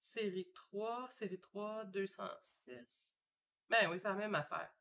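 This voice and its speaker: A woman with a Québécois French accent talks to her viewers while she paints at home. She rambles gently and thinks aloud, with plenty of fillers, and her voice sits at an ordinary middle pitch. A faint hiss of background noise runs under the recording. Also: slow pace. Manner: chatty and relaxed, thinking aloud with many fillers. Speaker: painter hosting a live stream. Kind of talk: casual live-stream chat while painting. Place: home studio.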